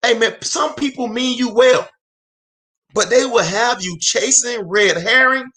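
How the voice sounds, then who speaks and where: Man in his 40s doing a live motivational talk, preachy cadence, keeps repeating lines, pretty high forceful voice. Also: unhurried. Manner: fervent, repeats phrases for emphasis, calls out to viewers. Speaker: motivational speaker and host.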